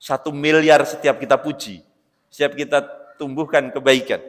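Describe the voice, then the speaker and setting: Animated preacher in a reverberant hall. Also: male voice, fairly high pitch, normal speed. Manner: animated, swings between loud emphatic bursts and quiet asides; keeps addressing listeners as "Pak". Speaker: Islamic preacher. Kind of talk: lecture-style religious sermon. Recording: long reverb of a large hall.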